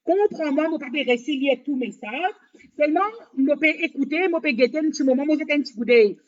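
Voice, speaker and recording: A woman hosting a live stream, talking in a rambling monologue with halting, repetitive, broken phrasing. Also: high-pitched. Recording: dull lo-fi sound.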